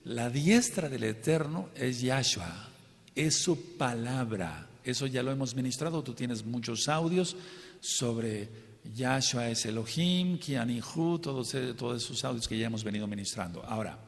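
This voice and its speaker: A man's voice: mid-range voice, animated, unhurried, vocal fry. A man preaching a teaching sermon to a congregation, stressing and repeating key points and asking his listeners questions. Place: congregation hall. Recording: long hall reverb.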